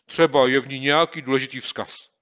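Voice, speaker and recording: A man's voice: mid-range voice, lively intonation, fairly bright tone, dull audio, pitched above the performer's own voice, close to an everyday voice. A man voicing a bold, scheming schoolboy sleuth who speaks with raised, emphatic delivery in an audiobook. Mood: keen. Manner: emphatic, declaiming threats. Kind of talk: audiobook character voice.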